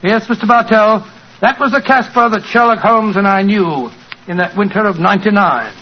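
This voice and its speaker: An actor playing a genial, gentlemanly English doctor and storyteller with a British accent, in 1940s radio style. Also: male voice, high voice, normal speed. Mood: genial, reminiscing. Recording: muffled 1940s radio recording.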